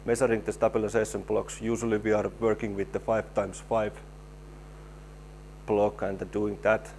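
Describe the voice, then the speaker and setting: A man giving a technical conference presentation, halting and repeating words as he explains his slides. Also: on the low side, little pitch movement, a little mellow, a little hiss or hum. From Finland. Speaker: presenter, stabilization engineer.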